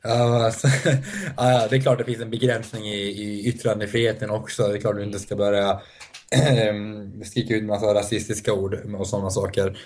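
A man's voice: on the low side, level tone, darkish tone, a little hiss or hum. A man talking on a podcast panel, hesitant and restarting often, laughing between points. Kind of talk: casual podcast discussion.

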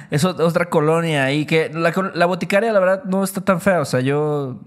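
A man's voice: fairly high pitch, normal speed. A man, co-hosting a podcast language lesson, often agreeing with short affirmations and offering English equivalents. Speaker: podcast co-host. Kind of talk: casual conversational language lesson.

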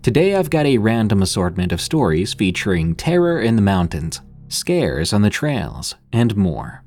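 A man's voice: on the low side, big pitch swings, normal speed, a little mellow. A man hosting a scary story podcast, narrating from a script in an ominous late-night radio manner. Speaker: podcast host. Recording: music behind the voice. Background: background music.

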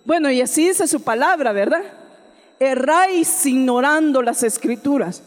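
Woman preacher, Central American Spanish accent, high voice, long church-hall reverb. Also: animated, moderate pace. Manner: addresses listeners as sister, adds frequent amen. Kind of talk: sermon.

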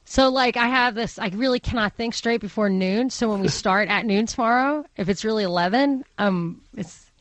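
A woman radio host with a Brooklyn accent talks in a fairly high voice. Her delivery is conversational and opinionated, wandering as she thinks out loud. The sound is close and dry, as in a studio. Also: normal speed, no room sound. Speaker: radio talk show host. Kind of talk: conversational talk radio monologue. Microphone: close studio microphone.

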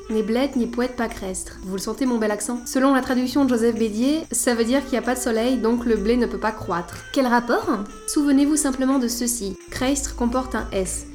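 Woman, podcast host, bright higher voice, playful teacherly read, faint music under. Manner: playful, didactic, teasing asides. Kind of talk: scripted educational podcast.

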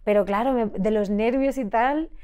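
A young woman from Spain, a singer being interviewed on a podcast, telling stories in an animated, laughing way. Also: on the high side, moderate pace, clear, resonant tone. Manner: animated storytelling with frequent laughter. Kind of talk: casual interview chat.

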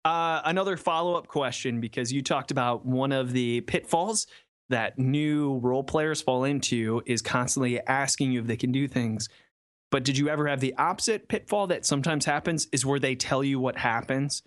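Here a male podcast co-host keeps things casual and conversational, talking at normal speed in a mid-range voice. Studio-quality audio, free of echo.

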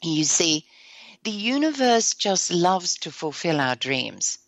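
An enthusiastic woman hosts a self-help show, her slightly croaky voice set a little low. She talks slowly with a lively, swooping pitch. The sound is dry and close. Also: no echo. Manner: enthusiastic, bursts into whoops and laughs. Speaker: host.

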